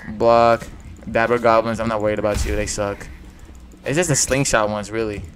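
A man's voice: lowish voice, level tone, moderate pace. Young man mumbling slangy game commentary. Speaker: gaming YouTuber. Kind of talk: casual gameplay commentary. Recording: faint music behind.

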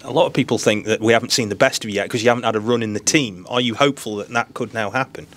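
A man's voice: on the low side, rapid-fire, fairly bright tone. A man interviewing a player after a match, asking long, leading questions. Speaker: club media interviewer.

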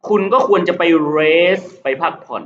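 A male teacher going over exam questions, reading English sentences slowly and explaining them. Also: high-pitched, fairly bright tone, slight background noise. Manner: reads English items slowly, explains in quick Thai. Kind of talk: exam prep lesson. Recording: dull lo-fi recording.

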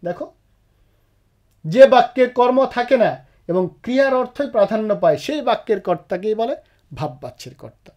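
A man's voice: sits high, expressive, normal speed, pauses often, a little mellow. A man with a Bangladeshi Bengali accent teaching a grammar lesson, explaining step by step and speaking directly to his students. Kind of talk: classroom-style video lesson.

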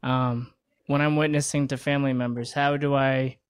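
A man from Massachusetts in a live audience asking a question. He speaks haltingly, with pauses and ums. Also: mid-range voice, flat delivery, smooth. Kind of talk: question from the floor at a live event.

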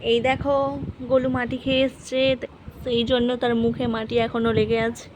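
A woman's voice: a little high, flat delivery, brisk, a little mellow, a little hiss or hum. A woman at home filming her cats on a phone, talking to them in a scolding, teasing way. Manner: scolding, teasing baby-talk to a cat. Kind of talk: casual talk to pet cats. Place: home indoors.

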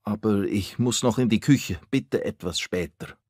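A man's voice: fairly low pitch, a little slow, no echo, studio quality. A man voicing a cautious middle-aged innkeeper woman in a storybook, speaking carefully. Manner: careful, warmly excited at times.

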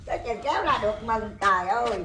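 An older woman, chatting outdoors and telling a long, animated story with plenty of exclamations. Her voice sits a little high. The recording is noisy, with animals audible in the background. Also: fast. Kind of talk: casual chat.

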